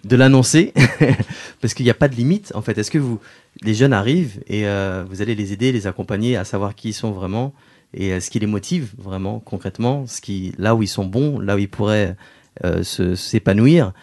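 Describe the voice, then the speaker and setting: Low-voiced man asking rambling questions. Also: normal speed, a little mellow. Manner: long rambling questions with fillers. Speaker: interviewer. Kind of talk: interview questions.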